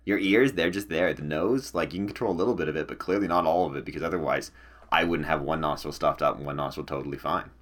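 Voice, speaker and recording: A man's voice: very deep voice, fast. A man hosting a podcast, chatting casually and animatedly and laughing often. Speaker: podcast host. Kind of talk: casual chat.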